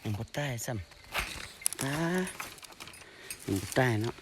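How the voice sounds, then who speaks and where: A man with an Isan accent, talking casually through an outdoor fishing vlog, murmuring low and exclaiming when something is caught. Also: slow pace. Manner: mumbled low commentary, excited exclamations at catches. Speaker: vlogger. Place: outdoors in the countryside. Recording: noisy outdoor recording.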